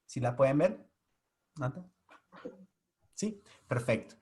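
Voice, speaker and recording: Speaking slowly in an expressive, dark-toned mid-range voice, a Portuguese-accented man in his thirties, a native speaker of Portuguese, presents as a guest in a webinar. He explains his topic to an audience over a video call.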